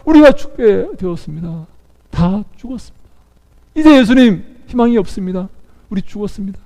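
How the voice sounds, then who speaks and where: A man's voice: high-pitched, animated, a little fast, dark tone, big-room sound, pitched above the performer's own voice. A male pastor voicing frightened disciples pleading frantically for help. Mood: panicked.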